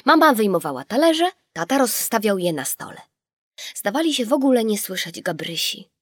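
A woman narrating a children's audiobook in a measured, expressive storytelling manner, recorded in a studio. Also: medium pitch, slightly rough, no echo.

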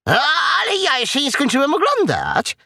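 A man voicing a small excitable young piglet in a storybook reading, high and stammering. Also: slow, vocal fry, dry recording, studio quality, heavily acted. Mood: curious.

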